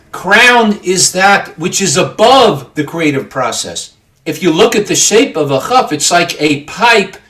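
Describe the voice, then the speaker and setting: Casting: man, somewhat high voice, calm teacherly explainer of Torah. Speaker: podcast co-host. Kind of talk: Torah study discussion.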